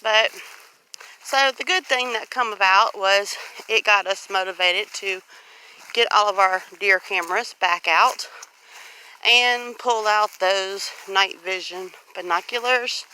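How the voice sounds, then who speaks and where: A bright-voiced, chatty and folksy Southern US woman from Louisiana takes it slowly at a medium pitch, explaining things while walking. She is a homestead vlogger making a casual walk-and-talk vlog outdoors on a rural homestead. Her handheld phone gives a rough recording with faint outdoor noise.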